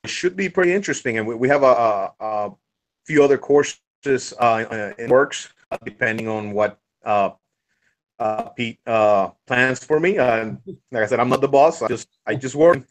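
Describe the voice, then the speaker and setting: A man working as a firearms instructor, speaking in a casual interview with frequent pauses, uhs and restarts. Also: medium pitch. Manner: halting, many hesitations and restarts.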